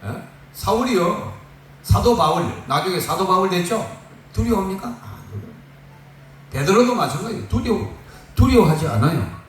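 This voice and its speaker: A male pastor preaching a sermon in a lively, joking way, laughing often, recorded on a phone from far off in a church hall. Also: high voice, moderate pace, a little hiss or hum. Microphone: phone far off in the room. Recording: echoey room from far off on a phone.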